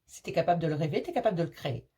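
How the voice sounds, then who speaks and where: A woman's voice: low-pitched, lively intonation, rapid-fire, dark tone, slightly rough. A woman medium giving a casual tarot reading, reassuring and chatty, addressing the listener affectionately. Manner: reassuring, calls the listener "mon petit chéri"; chatty, with frequent fillers and repeats.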